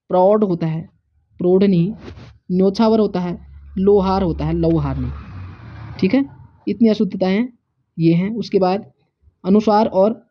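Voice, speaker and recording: An earnest teacher works through an exam-prep spelling lesson, repeating each correct and wrong form in steady, mid-pitched tones. The sound is a little muffled and lo-fi. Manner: earnest, stressing exam importance. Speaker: Hindi teacher. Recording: slightly dull lo-fi audio.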